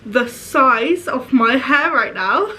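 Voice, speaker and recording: A woman's voice: high-pitched, lively intonation, slow pace, bright, forceful tone. A woman, chatting casually in a vlog, rambling and a little woozy after being ill. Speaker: vlogger.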